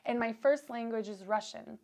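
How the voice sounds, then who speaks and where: Speaking at normal speed in a slightly high voice with a darkish tone, a young adult PhD student from Canada talks in a casual interview. She's chatty and rambling, with frequent laughs and restarts.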